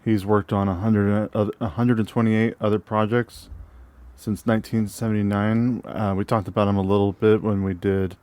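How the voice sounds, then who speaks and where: A man co-hosting a casual movie podcast. He reads film credits haltingly, with many fillers and restarts. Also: fairly low pitch, level tone, a little mellow, clear, resonant tone, no echo. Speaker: podcast co-host.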